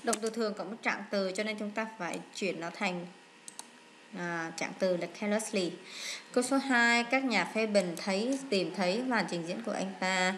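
A woman's voice: mid-range voice, normal speed, fairly bright tone, slight background noise. A woman English teacher going through exam answers step by step, reading English words aloud and explaining each choice, with frequent hesitant fillers and self-corrections. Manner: reads English words aloud then explains in short steps. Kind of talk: exam walkthrough lesson.

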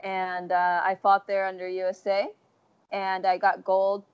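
A woman's voice: medium pitch, monotone, unhurried, clean tone. A young woman from Texas in her twenties, chatting as an interview guest over a video call, with many fillers and restarts. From Texas, USA. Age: 20s. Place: large indoor gym hall. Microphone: earphone mic on video call. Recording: dull lo-fi video call audio.

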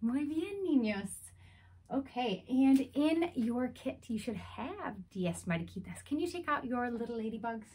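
Breathy woman teaching children Spanish. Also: on the high side, animated, darkish tone. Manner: slow, sing-song counting and singing with children. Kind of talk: children's language lesson.

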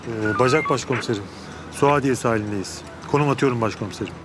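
Actor as young officer, fast respectful report, scored scene. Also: male voice, mid-range voice, over music, natural voice. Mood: dutiful. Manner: dutiful, respectful. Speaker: police officer on the phone. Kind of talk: TV drama acting.

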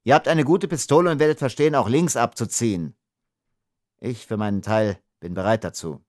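A man's voice: medium pitch, a little fast, a little mellow, no room sound, clean studio sound, voice pushed up, lightly acted. A man doing a tense young ranger. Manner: restrained, tense. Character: young blond male ranger, barely controlled anger.

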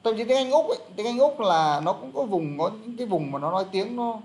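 Male English teacher, casual lesson, chatty, lots of fillers, high voice. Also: animated, brisk, a little mellow. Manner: chatty explaining, many fillers.

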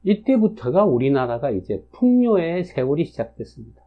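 Lively-voiced man in his sixties, lecturing. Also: fairly high pitch, moderate pace. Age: 60s. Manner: chatty, with frequent fillers and tag questions. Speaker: lecturer on national fortune cycles. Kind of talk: casual spoken lecture. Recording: dull lo-fi recording.

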